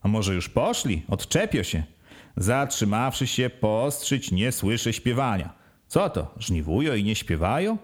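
A man's voice: lowish voice, sing-song, a little slow. A man reading an audiobook in the first person, with earnest, plain storytelling. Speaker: audiobook reader.

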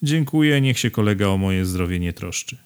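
A man's voice: animated, moderate pace, smooth, lightly acted. A man voicing a sickly, hysterical young aristocratic count who sneers and whines in an audiobook. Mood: sneering. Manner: shrill, sneering, tearful.

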